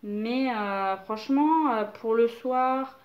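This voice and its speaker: A woman's voice: on the high side, takes it slowly, muffled recording. A young woman casually chatting about clothes to camera, hesitant and full of fillers. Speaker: mother showing baby clothes haul.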